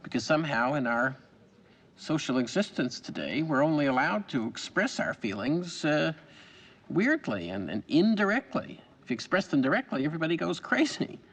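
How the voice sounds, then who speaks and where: Rambling, self-mocking middle-aged actor, husky, creaky, lively pitch. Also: male voice, moderate pace, exaggerated voice. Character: wry, anxious middle-aged man, a stage actor. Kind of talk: 1980s film dialogue.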